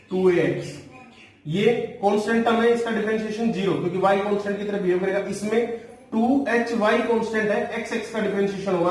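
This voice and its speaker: एक पुरुष शिक्षक, ऊँची आवाज़ में, कक्षा को गणित के फ़ॉर्मूले समझाते हुए, हर कदम दोहराते हुए। आवाज़ बहुत गूंजती है और माइक से दूर लगती है।. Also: male voice, sits high, a little mellow. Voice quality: explains step by step, repeats key phrases, slows down to dictate formulas. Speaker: math teacher. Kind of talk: classroom math lecture. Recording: very echoey room, voice from a distance.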